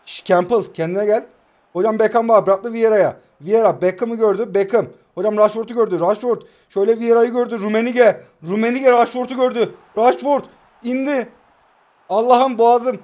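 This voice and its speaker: A man in his twenties speaking with a Turkish accent, commentating his own mobile football match live, excitable and talking to himself, with sudden swings from quiet muttering to loud outbursts. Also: extremely high pitch, moderate pace. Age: 20s. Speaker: mobile football gamer and streamer.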